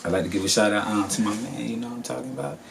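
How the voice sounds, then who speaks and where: A man's voice: fairly low pitch, racing, vocal fry, distant mic, background noise. A man who raps, giving a casual, laid-back interview with a Southern US accent and many repeated filler phrases. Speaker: rapper.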